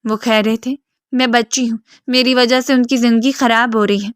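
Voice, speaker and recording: A devoted young woman pleads softly in a storybook reading, a woman acting her out. Her voice is slightly high and dry. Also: little pitch movement, clear, resonant tone, dry recording, lightly acted. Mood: pleading. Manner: pleading, soft. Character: young woman, twenty-one, devoted and tearful.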